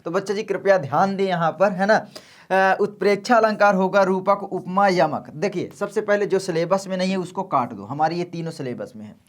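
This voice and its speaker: A man teaching an exam-prep lesson in a calm, slow, soft-spoken way, repeating key points and speaking to his students kindly. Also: sits high.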